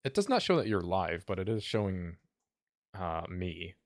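A man's voice: low voice, big pitch swings, normal speed. A man co-hosting a casual gaming stream show, laid-back in his replies. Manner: mock radio-announcer intro, laid-back replies. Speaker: co-host. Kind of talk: casual gaming podcast chat.

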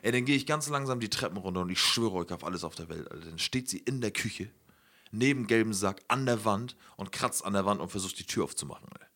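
A man's voice: on the low side, fast, a bit bright. A young man hosting a podcast, telling a story to friends in a casual, slangy way and swearing freely. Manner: slangy, swears a lot, keeps saying "Alter" and "Digga". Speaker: podcast host.

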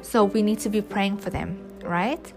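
A woman giving an earnest, chatty devotional talk to her viewers, with bursts of excitement and many restarts. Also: mid-range voice, unhurried, creaky, faint music behind. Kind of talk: casual devotional talk to camera.

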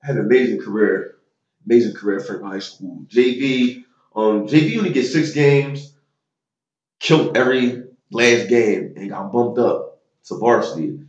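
A man in his thirties telling stories about his high school football days in a loose, slangy way with lots of fillers. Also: normal speed, a little mellow, roomy sound, dull audio. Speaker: interview guest, former football player. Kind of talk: casual storytelling interview.

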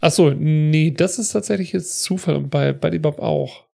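A man co-hosting a podcast, giving chatty, reflective commentary on a TV episode with quick asides. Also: a little high, creaky, mellow. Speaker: podcast co-host. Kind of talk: casual chat.

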